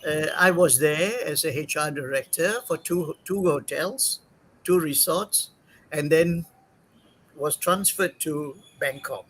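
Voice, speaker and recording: An older man from Singapore, a guest in an interview, telling his career story in a halting way with many fillers and self-corrections. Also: a little high, fairly bright tone, a little hiss or hum, poor audio.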